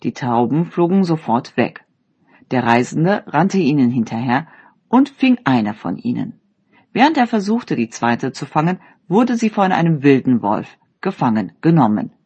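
A presenter reading a fairy tale aloud with lively, expressive intonation. The voice is husky and of middling pitch. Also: measured pace, dull audio.

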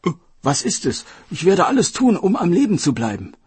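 A man's voice: medium pitch, big pitch swings, a little slow, a little mellow, slightly rough, no echo, pitched above the performer's own voice, heavily acted. A man voicing a sick, desperate old dragon king who pleads and commands his court. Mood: pleading.

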